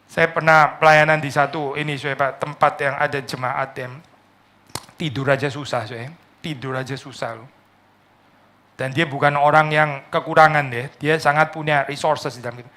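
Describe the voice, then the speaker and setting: A man preaching a sermon in a conversational way, swinging from loud mock complaints to soft asides. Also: on the high side, fairly even intonation, moderate pace. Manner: conversational, tag words like "ya" and "gitu". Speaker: pastor.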